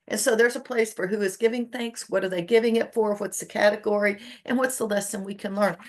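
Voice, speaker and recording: A woman hosting a homeschool podcast, giving encouraging and practical tips while showing printed materials on video. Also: medium pitch. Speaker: podcast host. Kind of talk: casual teaching talk on family gratitude. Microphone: video recording.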